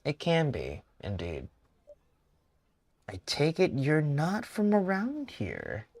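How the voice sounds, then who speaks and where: A man voicing a gentle older male café owner in a story game, polite and courtly. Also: a little high, wildly swooping pitch, takes it slowly, pitched above the performer's own voice, exaggerated voice. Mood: courteous.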